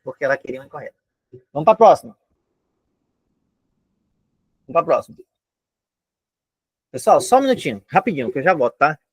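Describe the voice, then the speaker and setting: A man's voice: on the high side, very animated, fast, husky, no room sound. A Brazilian man teaching an exam-prep lesson from home, chatty, with many filler tags and step-by-step explanations. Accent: Brazilian Portuguese. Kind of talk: casual online lesson. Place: home room.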